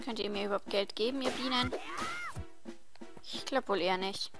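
A woman's voice: mid-range voice, normal speed, over loud music. A woman playing a video game and commenting casually, reading the game text aloud in a chatty, easily frustrated way. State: tired voice. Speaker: let's play host.

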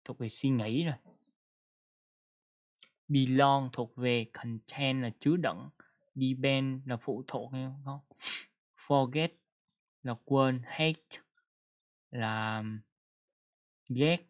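A man's voice: medium pitch, extremely slow, pauses often. A man teaching an English grammar lesson in a casual classroom style, explaining patiently with frequent fillers and prompts to the class.

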